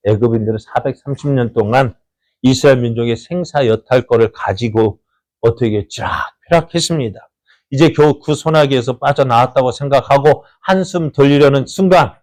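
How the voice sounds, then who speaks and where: Preaching to his church, this male pastor asks the congregation questions only to supply the answers himself. Quoted voices get dramatized through sudden swings in how high and how loud he speaks.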